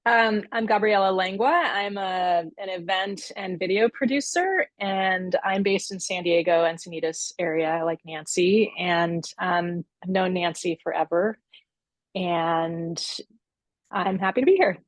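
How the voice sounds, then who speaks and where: A woman event and video producer introducing herself on a video call, unhurried. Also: fairly low pitch, no echo. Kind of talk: casual self-introduction.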